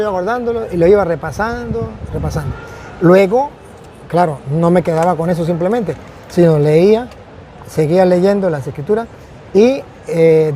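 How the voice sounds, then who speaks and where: A man's voice: high voice, warm tone, a little hiss or hum. A man, a priest, speaking earnestly and reflectively in a conversational testimony, often repeating phrases for emphasis.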